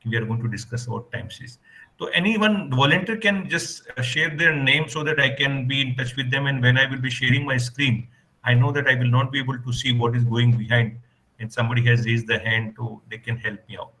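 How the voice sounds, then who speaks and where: A man's voice: mid-range voice, fairly quick, bright, forceful tone, rough recording. Hesitant male lecturer. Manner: polite, hesitant, many fillers. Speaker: guest lecturer. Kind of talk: online lecture. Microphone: video call.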